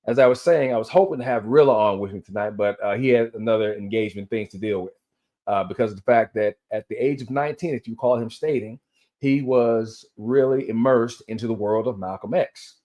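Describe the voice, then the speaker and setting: His voice sits fairly low, with a dark tone and a slightly fast pace. He's a man reading aloud and commenting casually as a host, his speech a bit impeded by dental aligner braces, so he occasionally stumbles and self-corrects.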